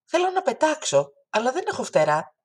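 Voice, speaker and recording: A woman's voice: big pitch swings, breathy edge, exaggerated voice. A woman voicing an eager, curious little girl in a storybook reading. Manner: high, bright, insistent when refusing.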